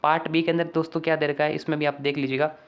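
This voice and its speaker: A man's voice: fairly high pitch, level tone, muffled recording. Man teaching, full of rhetorical questions. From Rajasthan, India. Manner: keeps asking the class rhetorical questions, calls them friends; reads English sentences out slowly. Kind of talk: exam paper walkthrough lesson.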